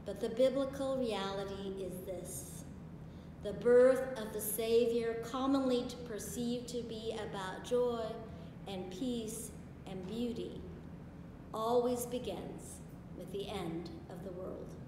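A woman in her sixties preaching a sermon from a pulpit in a large stone church, in a slow, measured way with solemn pauses. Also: fairly high pitch. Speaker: pastor. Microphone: far camera. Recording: echoey church from far off, hiss.

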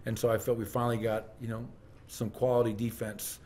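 A man's voice: medium pitch, flat delivery, fairly quick, mellow, slight background noise. A middle-aged man, a basketball head coach, answers reporters' questions at a post-game press conference, speaking candidly with frequent fillers and restarts. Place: team press room, seated at a table. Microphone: desk microphone on a stand.

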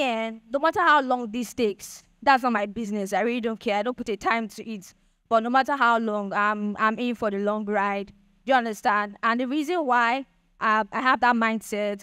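Chatty young Nigerian woman, smooth voice. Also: fairly high pitch, fairly bright tone, dry recording. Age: young adult. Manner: chatty, keeps asking "do you understand?". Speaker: speaker at a Bitcoin event. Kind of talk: motivational talk to an audience.

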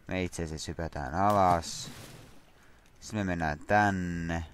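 A man's voice: low-pitched, noisy background. A man casually commenting on his own gameplay, rambling and self-mocking with lots of fillers. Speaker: gaming channel host. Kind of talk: casual Minecraft let's play commentary.

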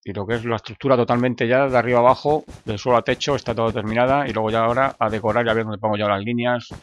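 A man's voice: medium pitch, steady tone, fast talker, muffled recording, a little hiss or hum. A man with a Spain Spanish accent, chatting playfully through casual gameplay commentary and making silly sound effects. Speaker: gaming YouTuber.

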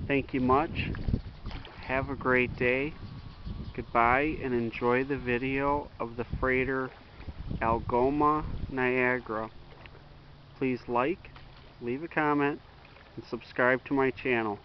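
A man vlogging outdoors from a riverbank, narrating a passing ship in a slow, friendly play-by-play. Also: mid-range voice, fairly even intonation, dull audio, slight background noise. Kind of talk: casual narration while filming.

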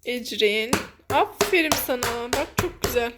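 A woman with a distinctly high voice presents a children's activity. She talks casually, as to a small child, encouraging and prompting with simple questions. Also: lively intonation, a little slow, heavy background noise. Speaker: host of a children's activity video.

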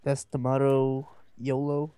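A woman with a low, mellow voice chats through a game with a friend, swearing and laughing excitedly. Her voice sounds dry and close, with no room around it. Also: slow, clear, resonant tone, dry recording. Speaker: co-player. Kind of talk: casual gaming chat.

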